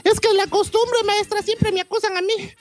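A woman's voice: fairly even intonation, moderate pace, soft background music. A woman voicing a bratty, whiny boy pupil in a comedy sketch. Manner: high squeaky comic pupil voice, whining.

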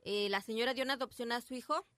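A woman with a Mexican accent cohosting, telling animated stories. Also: a little high, fast talker, dry recording, studio quality. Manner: animated storytelling. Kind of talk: casual chat.

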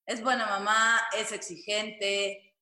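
A woman's voice: mid-range voice, level tone, slow pace, bright, forceful tone, echoey room. A woman co-hosting a talk show who chats playfully with the guests. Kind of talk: casual chat.

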